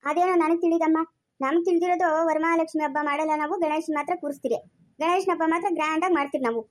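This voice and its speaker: A woman's voice: high-pitched, fairly even intonation, rapid-fire, close to an everyday voice. A woman playing a fretful village grandmother who scolds and coaxes, speaking with a Chikkaballapur Kannada accent. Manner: anxious, scolding, coaxing. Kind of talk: village family drama.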